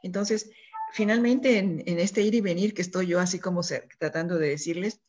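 Earnest woman guest on a radio panel, husky voice, muffled lo-fi radio recording. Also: fairly low pitch, moderate pace, a little mellow. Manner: earnest, keeps checking in with listeners. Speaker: guest speaker.

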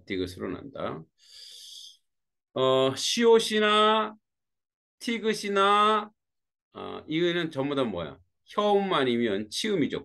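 A man's voice: medium pitch, gravelly. A man teaching an online grammar lesson, talking students through examples and checking with them after each point. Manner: greets students by name as they join. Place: warm room with a fan.

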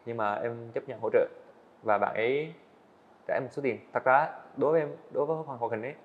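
Brisk and medium-pitched, an eighteen-year-old man tells his story as a guest animator on a podcast. He comes across as earnest and candid, restarting hesitantly, and the indoor studio recording has a dull lo-fi sound.

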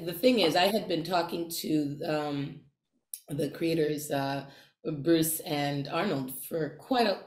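Low-voiced actress in a roomy space. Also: female voice. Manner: thoughtful, searching for words. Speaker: actor. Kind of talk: interview answers.

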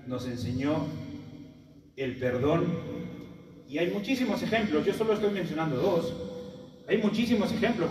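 Echoey preacher from Peru, higher voice. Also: male voice, darkish tone, a little hiss or hum. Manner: storytelling with repeated rhetorical questions. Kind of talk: sermon to a gathering. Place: gathering room. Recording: echoey room, mic from far off.

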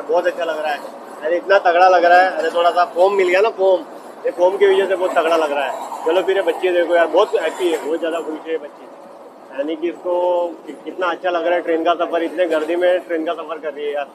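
A young man vlogging a train journey, talking loudly and excitedly to his viewers about the crowded coach. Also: a little high, brisk. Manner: excited, loud, chatty, addresses viewers as guys. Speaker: travel vlogger. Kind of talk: casual running commentary. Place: crowded general coach of a train and station platforms. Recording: crowded train noise behind. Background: chatter of a packed crowd.

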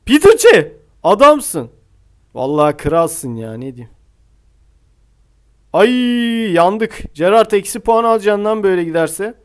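Young male gamer for a football match commentary, high voice, bursts into sung goal shouts then mutters. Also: big pitch swings, measured pace, pauses often. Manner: shouts and half-sings goals, then drops to low mutters. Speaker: gaming YouTuber playing a scout role. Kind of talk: excited live commentary of a mobile football match.

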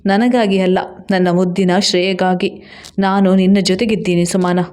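A woman voicing a quiet but firm older mother-in-law who speaks steadily in a storybook reading. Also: medium pitch, fairly even intonation, normal speed, clear, resonant tone, close to an everyday voice.

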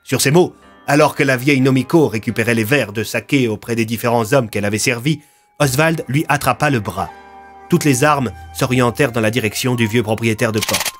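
A man reading a dramatic audio story in a steady, expressive voice. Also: mid-range voice, brisk. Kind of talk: scripted dramatic narration. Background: faint music.

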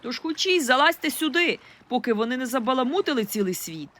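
A woman reading aloud as an excited teenage boy who shouts urgently from a boat. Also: sits high, fairly quick, voice pushed up, exaggerated voice. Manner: loud, urgent and bossy.

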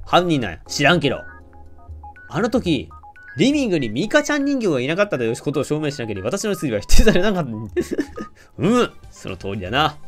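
Animated Kansai-accented game streamer. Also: male voice, sits high. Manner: playful, animated, jokes with the game and often laughs. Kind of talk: let's-play commentary reading character lines.

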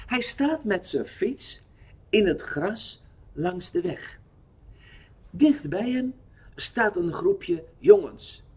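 Man, children's Bible storyteller, slow and slightly husky, very animated pitch. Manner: expressive, questioning the listener.

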